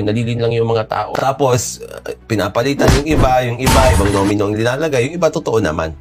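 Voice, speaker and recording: A man giving casual political commentary in an exasperated, mocking way, jumping sharply up and down in pitch.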